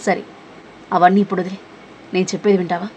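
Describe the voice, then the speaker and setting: A woman voicing a mysterious, calm young man in a spoken romance story, talking quietly and evenly. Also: a little hiss or hum, lightly acted. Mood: calm, teasing. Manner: quiet, low and measured.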